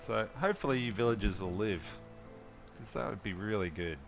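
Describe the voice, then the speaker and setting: A man's voice: fairly low pitch, brisk, gravelly, soft background music. A man hosting casual gameplay commentary, musing and thinking aloud as he plays. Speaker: host.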